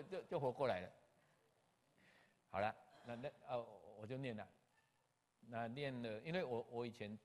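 An older man, a pastor, telling a personal story in an animated way, acting out conversations and dropping in English terms. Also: mid-range voice. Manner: animated, acts out dialogue, scattered English terms. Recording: long hall reverb.

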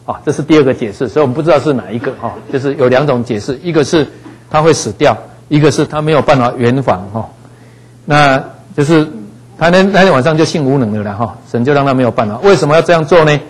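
A man teaching a Bible passage in a relaxed, conversational way, dropping frequent little fillers. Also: medium pitch, fast, breathy edge, low-quality recording. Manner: conversational, frequent "哈" fillers, acts out voices in quotes.

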